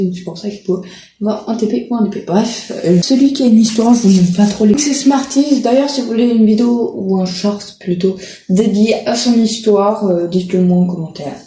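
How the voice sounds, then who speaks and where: A woman's voice: medium pitch, dark tone, a little hiss or hum. A woman chatting casually to her viewers, hesitant and full of filler sounds and self-corrections. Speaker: video creator. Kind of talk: casual chat presenting riding-school horses. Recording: roomy echo.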